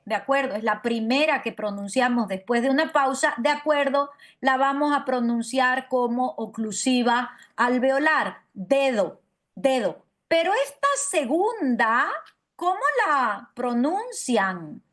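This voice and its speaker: A woman teaching phonetics in a virtual class with a fairly high voice. She takes her time, repeating syllables again and again to demonstrate sounds. She pauses often to ask whether her students can see and follow. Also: animated, a bit bright. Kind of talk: online phonetics lecture.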